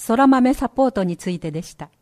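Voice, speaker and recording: A woman radio announcer reading a community announcement clearly and carefully, spelling out details. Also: on the high side, expressive, a little fast, a little mellow.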